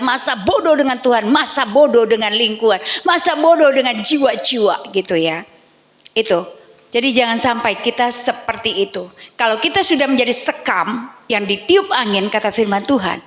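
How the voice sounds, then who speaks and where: A woman's voice: sits high, fairly bright tone. A woman pastor preaching a sermon in a church, exhorting her congregation with rhetorical questions and frequent tag words. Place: church hall. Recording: long hall reverb.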